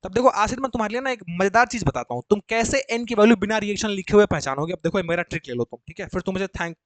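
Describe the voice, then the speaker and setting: A man's voice: high-pitched, lively intonation, rapid-fire, a bit bright, no echo. A male chemistry teacher explaining to students in a live class, chatty and coaxing, often repeating points and quizzing them. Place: coaching classroom.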